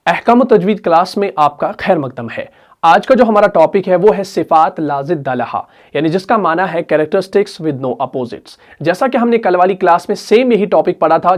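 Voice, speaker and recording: A man, teaching a recitation class, explaining slowly and asking and answering his own questions. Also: high voice, darkish tone. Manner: recites Quranic verses in drawn-out chant. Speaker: tajweed teacher. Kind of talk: online Quran recitation lesson.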